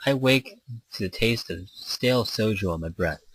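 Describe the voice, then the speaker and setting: Reading a visual novel aloud as narrator during a game playthrough, a man sometimes stumbles and rereads lines in his informal delivery. His fairly low voice is expressive, bright and breathy, at normal speed. The low-quality recording has no room sound but carries background music.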